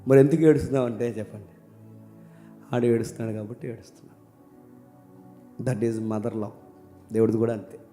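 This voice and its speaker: A man preaching a sermon, talking casually and then rising into loud, emphatic questions. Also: medium pitch, fairly even intonation, a little fast, long pauses. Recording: long hall reverb with faint music.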